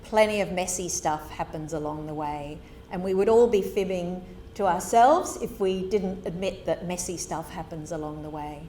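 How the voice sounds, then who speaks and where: A woman's voice: lowish voice, normal speed, warm tone, a little hiss or hum. Candid middle-aged woman giving a lecture. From Zimbabwe. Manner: candid, conversational storytelling. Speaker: guest lecturer. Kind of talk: public lecture. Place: lecture hall. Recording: roomy hall with faint ambience.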